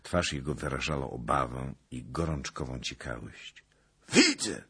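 Very deep, husky male narrator. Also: a little slow. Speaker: audiobook narrator. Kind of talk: scripted narration of a classic novel.

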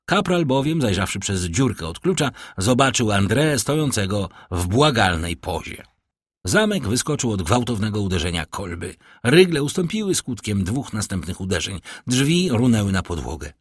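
A man narrating a classic novel as an audiobook, in an expressive, theatrical way. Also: lowish voice, moderate pace, breathy edge, no room sound, studio quality. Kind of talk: audiobook reading.

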